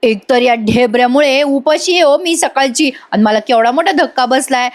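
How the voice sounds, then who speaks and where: A woman voicing a brash, talkative young village woman with a loud, cheeky manner. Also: high voice, normal speed, natural voice.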